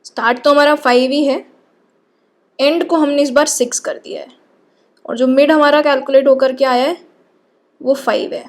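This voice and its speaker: A woman teaching programming, talking through code step by step and often pausing to check in with her students. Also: high voice, steady tone. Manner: explains patiently, often checks in with "ठीक है".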